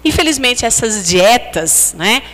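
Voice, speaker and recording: A Brazilian woman with a fairly high voice gives a religious lecture. She keeps it conversational and checks in with her listeners. Her words ring out with the long reverb of a large hall. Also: sing-song, slow, fairly bright tone. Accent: Brazilian Portuguese. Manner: conversational, asks the audience for agreement. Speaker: speaker at a spiritist center.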